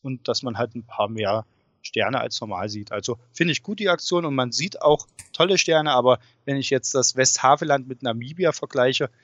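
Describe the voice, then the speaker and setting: A man talks casually and with enthusiasm as an interview guest. His pitch is average. The recording is a little dull and muffled. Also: normal speed, fairly bright tone. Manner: enthusiastic, informal. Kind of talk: casual chat. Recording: dull, muffled sound with room echo.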